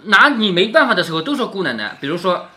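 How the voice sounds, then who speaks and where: Lively, bright-voiced storytelling dad. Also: male voice, sits high, fast talker. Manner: chatty, keeps asking "right?" with a dropping tag. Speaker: father reading to his daughter. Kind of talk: storytelling with casual commentary.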